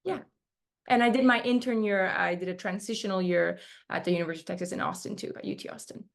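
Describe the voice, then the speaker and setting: An interview guest, an Argentine dermatology resident in her twenties, speaks conversationally and leans heavily on fillers. Her voice is fast, gravelly, and medium in pitch.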